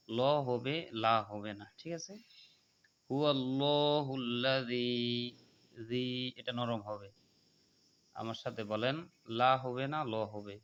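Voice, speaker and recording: A man teaching Quran recitation, explaining pronunciation calmly and then chanting the verses slowly and melodically. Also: mid-range voice, clear, resonant tone. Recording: muffled lo-fi recording.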